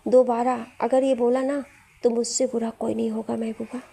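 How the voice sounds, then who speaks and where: A woman's voice: fairly high pitch, flat delivery, normal speed, vocal fry, dark tone, slightly rough. A woman voicing a sulky, possessive young husband in a romance story. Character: young man, angry sulking husband.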